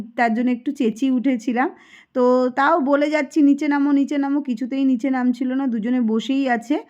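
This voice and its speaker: A woman's voice: fairly high pitch, darkish tone, lo-fi sound. A woman in her thirties from Kolkata with a Kolkata Bengali accent, chatting casually to viewers as she does chores at home. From Kolkata, India. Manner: chatty, homely, running commentary on chores. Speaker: vlogger. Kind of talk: casual home vlog narration. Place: home, indoors.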